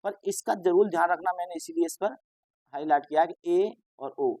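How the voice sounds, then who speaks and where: A man's voice: sits high, normal speed, darkish tone, dry recording. A male teacher giving an exam-prep lesson, patiently explaining, repeating reminders and asking and answering his own questions.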